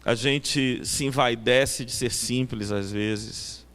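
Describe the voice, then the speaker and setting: A Brazilian Portuguese-speaking man preaching a sermon as pastor of a small church, telling a story in a reflective, unhurried way. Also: medium pitch, steady tone. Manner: reflective storyteller, loud bursts on acted exclamations.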